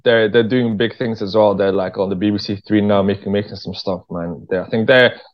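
An English man, a writer-director appearing as an interview guest, tells stories in a casual, candid, slangy manner. His voice is fairly low-pitched and brisk, with a steady tone. The recording sounds dull and lo-fi.

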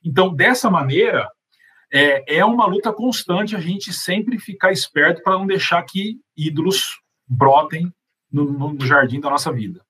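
A Brazilian man sits on a panel answering questions on faith, teaching conversationally and explaining his points step by step with everyday examples. His voice is fairly high and somewhat raspy, his tone sharp, and he talks at normal speed on a low-quality recording.

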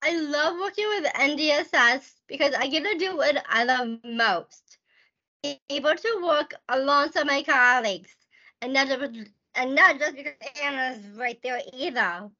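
A woman's voice: sits high, sharp tone. A woman guest on an advocacy podcast, answering questions earnestly and restarting phrases as she goes. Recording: dull lo-fi sound.

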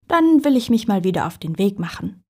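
A woman voicing a vain, boastful male moon in a storybook reading, with a loud, grandiose manner. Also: medium pitch, very animated, fairly quick, husky. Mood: proud.

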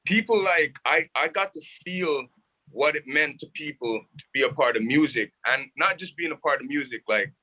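Bright-voiced animated man. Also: on the high side, normal speed, low-quality recording. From Jamaica. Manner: animated storytelling. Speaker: music producer. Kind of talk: casual conversation. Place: rehearsal building.

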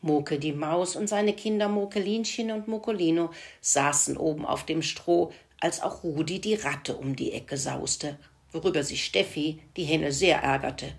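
A woman reading a children's farmyard story aloud in a gentle, expressive way. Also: deep voice, a little slow, gravelly.

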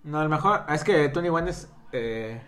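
A man in a relaxed casual chat, often trailing off into quiet asides. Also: on the high side, measured pace.

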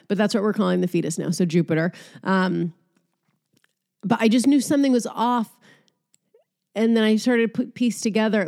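A young adult woman chatting casually as a vlogger, telling a story in an animated, profane way and acting out quotes. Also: mid-range voice. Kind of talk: casual chat.

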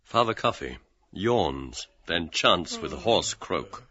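A man narrating an audiobook of a novel in a measured, dramatic reading. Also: deep voice, very animated, pushed and bright, breathy edge. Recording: dull lo-fi recording with faint noise.

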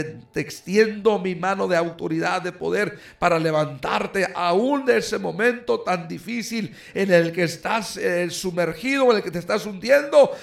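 Male pastor, fervent sermon delivery, slightly high with a rough, gravelly edge. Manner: fervent, with call-and-response asides.

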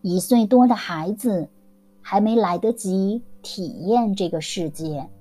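A woman teacher narrating a scripted story for language learners, enunciating every word very carefully and deliberately. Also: mid-range voice, warm tone, faint music behind. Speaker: Mandarin teacher.

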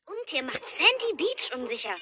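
A woman's voice: extremely high pitch, sing-song, moderate pace, bright, forceful tone, full character voice. A woman playing a pert, snappy girl in a parody radio play, declaiming her lines snippily. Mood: pert, dramatic. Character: pert, snappy girl named Jamie with camera.

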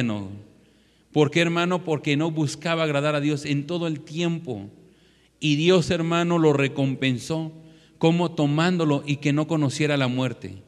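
A man in his thirties preaching a sermon with a fairly high voice. He keeps turning to his listeners as brothers. His words ring out with a long reverb in a church hall. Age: 30s. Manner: preaching to the congregation, calling them "hermano" again and again. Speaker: pastor.

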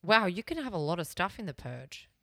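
A woman's voice: lowish voice, sing-song, brisk, vocal fry, sharp tone, dry recording, studio quality. A woman co-hosting a podcast, talking bluntly and animatedly, swearing freely in casual chat. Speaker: podcast co-host.

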